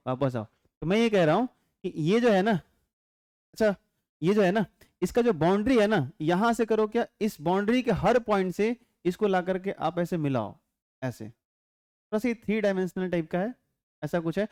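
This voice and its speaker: High, clear-voiced male physics teacher. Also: dry recording, clean studio sound. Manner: chatty, joking asides, constant rhetorical check-ins; unhurried, calm explaining. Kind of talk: classroom lecture.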